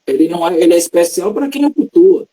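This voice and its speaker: A man from Salvador, Bahia, Brazil, a religious practitioner, explains his tradition in an interview. His high voice is expressive, mellow and slightly rough, and he speaks in a measured, teacherly way, patiently explaining terms.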